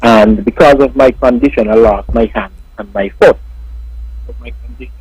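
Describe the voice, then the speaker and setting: A man from Saint Kitts calls into a talk radio show and speaks formally, repeatedly addressing the host as Mister. His mid-range voice has fairly even intonation, normal speed and a slightly mellow quality. Heard over a telephone line, the audio is dry and husky with no room sound.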